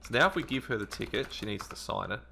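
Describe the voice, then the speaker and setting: A man's voice: lowish voice, animated, fast, vocal fry, sharp tone, slight background noise. A man hosting a retro gaming channel, reading game text aloud and thinking aloud with hesitant ums as he plays. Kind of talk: let's-play commentary reading game text.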